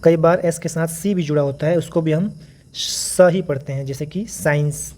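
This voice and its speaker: Guy teaching english sounds to beginners, kinda high voice but mellow, slow and patient, says each example word twice. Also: steady tone. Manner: patient, explanatory, repeats example words slowly. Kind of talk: phonics lesson.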